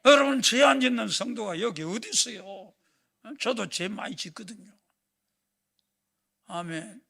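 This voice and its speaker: A man preaching a Sunday sermon as pastor, swinging between loud urgent calls and hushed whispered asides. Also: high-pitched, a little slow, creaky. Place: church sanctuary.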